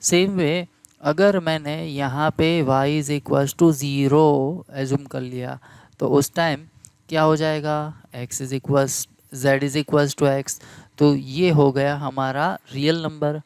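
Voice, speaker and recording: Guy teaching math slow and steady, a bit gravelly, keeps quizzing the class on terms. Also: a little high, no room sound. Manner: repeats key terms and asks the class questions to check understanding; slow, deliberate delivery. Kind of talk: classroom lecture in Hindi mixed with English terms.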